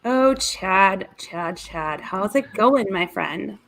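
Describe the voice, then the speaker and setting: A woman co-hosting a casual video-call chat, talkative and quick to laugh, with rambling asides. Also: mid-range voice, creaky, noisy background. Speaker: podcast co-host.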